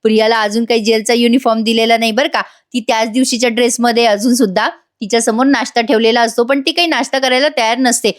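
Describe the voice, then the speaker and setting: Woman reviewer, casual recap narration, chatty asides, highish voice. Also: steady tone, quick pace, few pauses. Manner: chatty, aside-filled storytelling. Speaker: voice-over reviewer.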